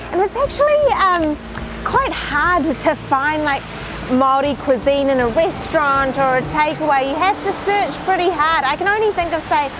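A woman, presenting a food vlog outdoors on a rainy street, chatty and animated. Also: high voice, noisy background. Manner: chatty, animated, explains to viewers. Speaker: food vlogger host. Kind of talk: casual food vlog narration.

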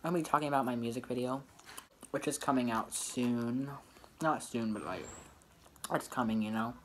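A man's voice: medium pitch, moderate pace, a bit bright, slight background noise. A young man chatting casually while eating, rambling and joking with lots of fillers. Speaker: musician vlogger. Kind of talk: casual behind-the-scenes chat while eating.

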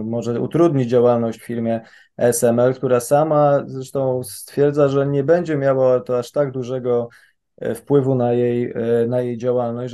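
A man in his thirties appears as a policy analyst guest, offering careful expert commentary. His mellow, dark-toned voice sits at an ordinary pitch. He is hesitant, often pausing with fillers and restarting his sentences.

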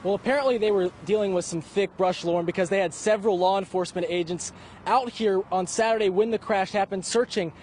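A male TV field reporter with a notably high voice, delivering a live news report in a clear, measured way. Faint outdoor sound lingers behind him. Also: a little mellow, slight background noise.

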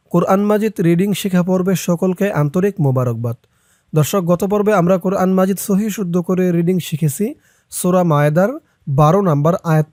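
A man teaching Quran reading, chanting verses slowly and then briskly explaining pronunciation, recorded close and dry. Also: high-pitched, a little mellow, no echo. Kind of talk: recitation lesson, reciting then explaining.

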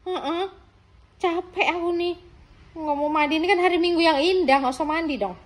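A woman voicing a cheeky four-month-old baby boy in soft, babyish first-person chatter. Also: extremely high pitch, moderate pace, pitched above the performer's own voice. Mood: whiny. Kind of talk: playful voice-over for a baby.

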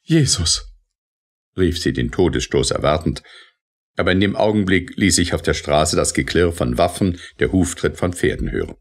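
Deep-voiced dramatic male narrator. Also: moderate pace, vocal fry. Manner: expressive, dramatic reading. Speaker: audiobook narrator.

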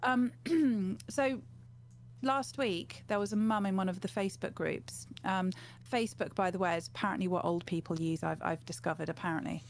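A female gaming streamer in her forties, a guest on a video call from a small room at home, tells anecdotes casually. Her voice is mid-range with fairly even intonation at normal speed. The recording is clear, with background noise and hum.

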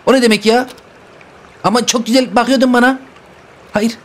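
A man's voice: extremely high pitch, fairly even intonation, normal speed. A man voicing a whiny, demanding baby boy who pleads and grumbles while role-playing over game footage. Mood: pleading. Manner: whining, pleading, complaining in a babyish voice.

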